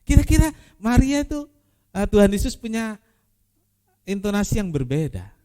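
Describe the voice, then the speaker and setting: A man delivering a sermon in a voice that sits a little high for a man and leaps around in pitch. He repeats his key phrases for weight, rising to loud emphatic peaks and then dropping to soft, close asides. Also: normal speed. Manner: animated preaching with sudden swings from loud emphasis to quiet. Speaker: pastor.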